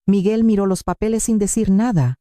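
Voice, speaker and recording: A woman narrating a dramatic story in the first person, steady and emphatic. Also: mid-range voice, brisk, no room sound, clean studio sound.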